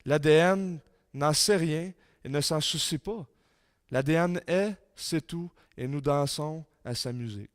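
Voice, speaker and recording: A man with a Québécois French accent giving a sermon-style talk in a church, reading quotes with rising force and dropping low for emphasis. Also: measured pace, dry recording, clean studio sound. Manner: reads quotes aloud with rising intensity, drops low for emphasis. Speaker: conference speaker.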